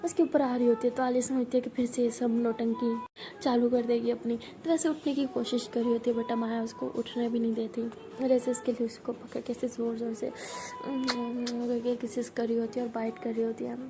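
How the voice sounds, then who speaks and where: A woman's voice: on the high side, flat delivery, normal speed. A woman casually telling a love story, chatty and acting out the dialogue.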